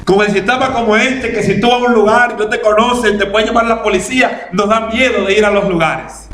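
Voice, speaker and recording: A male pastor with a high voice preaches briskly in a Massachusetts church, delivering an animated, laughing testimony and acting out past conversations. The hall is echoey, with faint room ambience.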